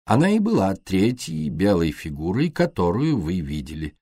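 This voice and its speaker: A man voicing a shrewd, courteous foreign male detective in an audiobook, talking slowly, softly and deliberately. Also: sits low, huge pitch swings, slightly rough, no echo, studio quality, full character voice. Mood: gentle, insistent. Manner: slow, soft, deliberate.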